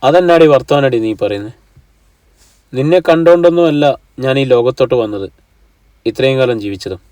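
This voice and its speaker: A man's voice: medium pitch, moderate pace, a little mellow, no echo, distant mic, natural voice. A man voicing a frustrated young man who bluntly demands an answer from his fiancée over the phone, in an audiobook reading. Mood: demanding.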